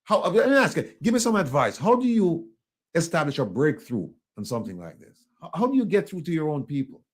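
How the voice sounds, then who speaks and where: Jamaican man, talk host, earnest questioner, a bit high-pitched, many "you know"s and restarts. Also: big pitch swings, brisk.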